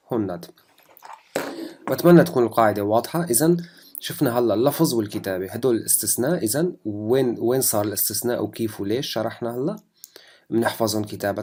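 A man's voice: fairly low pitch, darkish tone. A young man with a Levantine Arabic accent gives a German lesson, explaining rules and drilling number words one by one. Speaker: German teacher. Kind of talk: language lesson.

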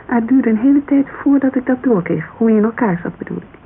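Thirty-three and running a model agency in Amsterdam, this Dutch woman sounds guarded, wistful, and candid, with a fond mood, in naturalistic radio drama dialogue. Her creaky voice is a little high, animated, and a little fast, and she hesitates colloquially, searching for words. It's a narrow, hissy old radio recording.

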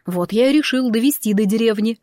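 A woman voicing a gentle young male warrior who speaks in a soft, low-key way, in an audiobook. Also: a little fast, no room sound, studio quality, close to an everyday voice. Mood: shy. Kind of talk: audiobook character voice.

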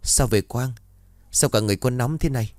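A man's voice: medium pitch, fairly quick, darkish tone, dry recording, voice pushed up, lightly acted. A man voicing a worried young mother who soothes her husband and child. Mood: soothing. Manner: soothing, anxious.

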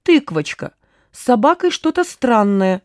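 A woman reader voicing a timid, whiny grown man who pleads and complains in a shrill, raised voice. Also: big pitch swings, moderate pace, warm tone, dry recording, clean studio sound. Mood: pleading whine. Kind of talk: audiobook character voice.

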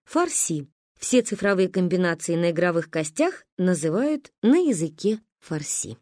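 A woman's voice: lowish voice, animated, unhurried, a little mellow, no echo, clean studio sound. A woman narrating a story as an audiobook, expressively.

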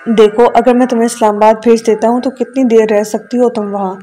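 A woman reading the lines of a stern, quick-tempered young husband in a novel, curt and scolding but tender underneath, with faint music behind. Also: a little high, level tone, mellow, lightly acted. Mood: earnest.

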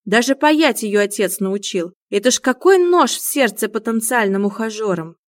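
A woman's voice: a little high, lively intonation, normal speed, no echo, lightly acted. Brief: a lovesick, flustered man read by a woman, raised and pleading, dry audiobook sound. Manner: agitated, raised, pleading delivery. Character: flustered grown man, shy in love.

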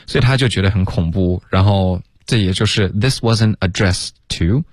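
Deep-voiced male teacher. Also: dry recording, clean studio sound. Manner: slow drilled English phrases with many OKs. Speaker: English pronunciation teacher. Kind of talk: radio English lesson, mixing Chinese and English.

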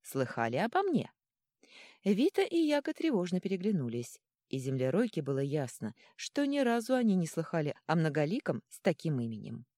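A woman reading an audiobook in an expressive, scripted narration, voicing every figure herself. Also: fairly low pitch, fairly quick, few pauses, no echo, clean studio sound.

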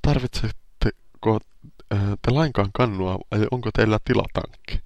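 A man voicing an odd, sluggish male warehouse clerk who talks in a strangely high, monotone voice. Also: dry recording, lo-fi sound, lightly acted. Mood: flat.

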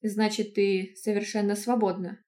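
A woman reading an audiobook, voicing a stern, menacing tiger-shifter uncle who speaks in a cold, slow drawl. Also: fairly high pitch, expressive, a little mellow, natural voice. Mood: low, probing.

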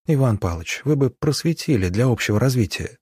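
A man voicing a timid, earnest young female village nurse who talks in anxious, hurried pleas. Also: mid-range voice, expressive, mellow, breathy edge, dry recording, studio quality.

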